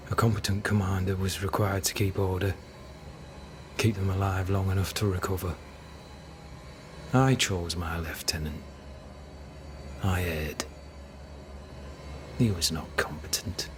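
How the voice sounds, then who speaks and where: A man's voice: sits low, fairly even intonation, a little slow, long pauses, a little hiss or hum. A man playing a self-righteous military captain in a video game, stern, formal and defiant. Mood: stern, bitter. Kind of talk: dramatic video game acting.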